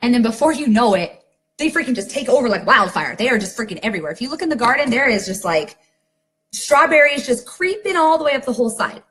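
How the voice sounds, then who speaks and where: A woman's voice: a little high, fast talker. A woman leading a network marketing team, telling a garden story in a casual live-video talk, filling her speech with "like" and "okay?". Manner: chatty, lots of "like" and "okay?", animated storytelling.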